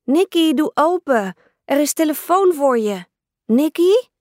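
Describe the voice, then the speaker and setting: Storybook kid sister, small girl, whiny and pleading, high and slow, put on by a woman reader. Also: a little mellow, no echo, clean studio sound. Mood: insistent. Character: whiny pushy little girl, younger sister.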